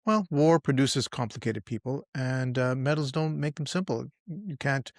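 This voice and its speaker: A man co-hosting a history podcast in casual chat, measured and reflective. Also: medium pitch, no room sound, clean studio sound. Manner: reflective, measured, breaks into laughs. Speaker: podcast co-host.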